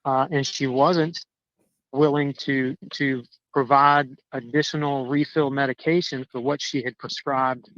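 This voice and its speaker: A man calling in on a crackly phone line that fades in and out, walking a dog outdoors and telling his story in a halting, indignant way, often repeating words. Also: medium pitch, level tone, fairly bright tone, no echo. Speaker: caller. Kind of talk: casual chat. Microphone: cell phone.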